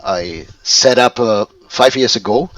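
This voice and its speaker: A Spanish man in his fifties, a learner of English, speaking in halting phrases with many restarts as he searches for words. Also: mid-range voice, fairly bright tone, dry recording, recorded from a distance, rough recording. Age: 50s. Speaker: language student. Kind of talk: conversational English lesson.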